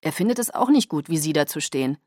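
A woman voicing an easygoing, cheerful teenage boy, a werewolf friend, in a lowered, friendly tone in an audiobook. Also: lively intonation, fast talker, darkish tone, no room sound, clean studio sound. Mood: calm.

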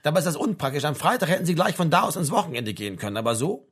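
A man reading a story aloud, voicing a mocking, gruff middle-aged army sergeant in a raised, sarcastic voice. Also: a little high, expressive, racing, fairly bright tone. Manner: sarcastic, barking questions.

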